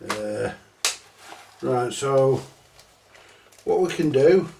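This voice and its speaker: A middle-aged man with a stuffy cold hosts a repair channel, rambling slowly through a fix in a small, cluttered electronics workshop while swearing casually and poking fun at himself. His voice is medium-pitched, gravelly and a little mellow, with lively intonation. He sits distant from the mic, so the sound is roomy, with slight background noise.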